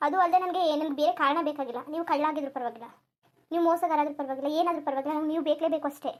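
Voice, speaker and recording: A woman's voice: high voice, rapid-fire, lightly acted. A woman voicing a lovesick, clingy young woman in a cartoon, pleading and repeating herself insistently. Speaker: cartoon character. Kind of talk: Kannada cartoon voice acting.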